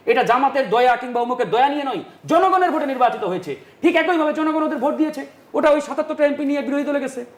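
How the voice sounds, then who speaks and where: A male talk show guest arguing forcefully in a heated political debate, insisting and talking over the host. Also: very high-pitched, quick pace, echoey room.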